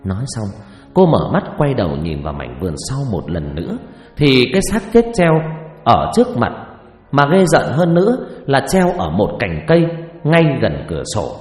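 A man's voice: mid-range voice, wildly swooping pitch, moderate pace. A man telling a ghost story in a dramatic, suspenseful scripted narration, recorded with echoey reverb over faint music.

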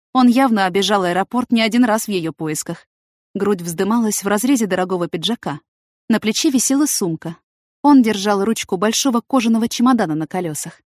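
A woman's voice: mid-range voice, darkish tone, no echo, studio quality. Woman narrating an audiobook steadily.

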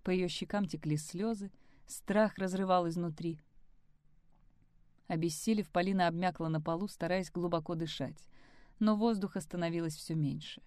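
Женщина читает драматичный рассказ. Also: female voice, fairly low pitch, moderate pace, darkish tone, no room sound, studio quality. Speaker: narrator. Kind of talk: audiobook story reading.

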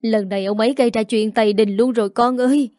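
A woman's voice: a little high, steady tone, fast talker, mellow, no room sound, natural voice. Woman reading older mom from the village, bitter, wailing, scolds hard, dry close sound. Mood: lamenting. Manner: wailing, scolding, harsh-tongued.

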